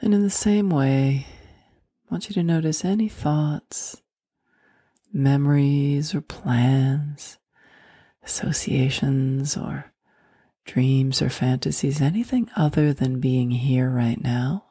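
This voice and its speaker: A woman leading a guided meditation in a soft, soothing voice that often drops into a whisper. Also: very deep voice, takes it slowly, slightly rough, no room sound, clean studio sound.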